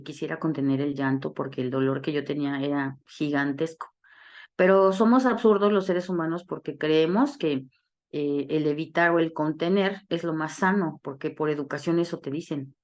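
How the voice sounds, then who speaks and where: A woman's voice: deep voice, normal speed, lo-fi sound. A woman giving a personal testimony talk to a support group, telling her story and acting out the dialogue she quotes, often adding tag questions.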